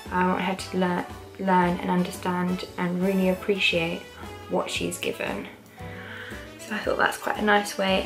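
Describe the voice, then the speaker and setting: A woman's voice: lowish voice, creaky, rough recording. A British woman in her twenties chatting casually to the camera in a small room at home. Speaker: vlogger. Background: background music.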